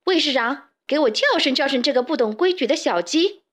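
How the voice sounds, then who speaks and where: A woman's voice: high-pitched, animated, a little fast, pitched above the performer's own voice. A woman voicing a vain, bossy hen queen in a children's storybook, with a haughty, commanding manner. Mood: angry.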